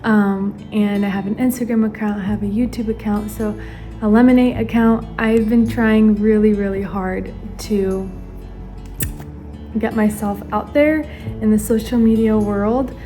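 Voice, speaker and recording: Her voice is medium-pitched, steady and mellow, at a measured pace, with soft music in the background. She's a stay-at-home mom in her early twenties, born in Ukraine and raised in the US, earnestly chatting to camera during a get-ready-with-me makeup session. The camera faces her, and she watches herself in it like a mirror.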